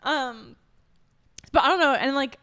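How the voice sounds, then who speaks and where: A woman's voice: high-pitched, expressive, fairly quick, fairly bright tone, dry recording. A woman in her twenties co-hosting a podcast in a casual, chatty way, with informal, girlish slang. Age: 20s. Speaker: podcast co-host.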